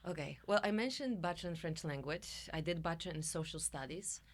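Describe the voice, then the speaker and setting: A woman's voice: deep voice, a little fast. A middle-aged woman from Poland with a Polish accent, a guest talking expressively in an interview and laughing often. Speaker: guest, coach and musician. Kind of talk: interview conversation.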